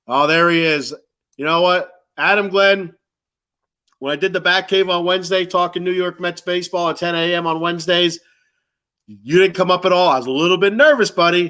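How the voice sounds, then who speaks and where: A middle-aged man with a cold-clogged nose hosts a casual sports fan livestream, rambling informally and greeting commenters. His voice sits high, bright and forceful.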